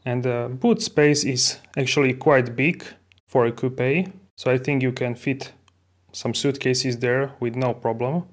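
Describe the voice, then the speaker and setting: Recorded on a handheld phone camera with no room sound, a man with a mid-range voice gives a casual walkaround car review. His easygoing talk stalls often, packed with fillers and restarts. He begins in a parked car and finishes outside on a dealership lot.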